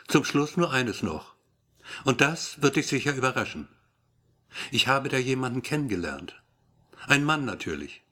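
A man's voice: mid-range voice, bright, forceful tone, full character voice. A man reading a sweetly sinister letter writer. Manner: sugary, insinuating.

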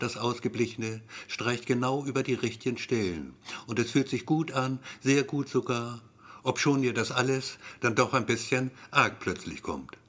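Erzähler, männlich, ironisch und wiederholend, mittlere Stimmlage, Hörbuchlesung. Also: male voice, medium pitch, fairly bright tone. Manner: repetitive, wry storytelling. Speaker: narrator. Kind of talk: scripted story reading.

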